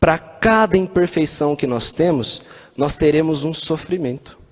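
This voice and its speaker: A man's voice: on the high side, normal speed. A man giving a spiritist lecture, telling anecdotes and asking the audience questions. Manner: storytelling with anecdotes and quoted dialogue. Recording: long hall reverb.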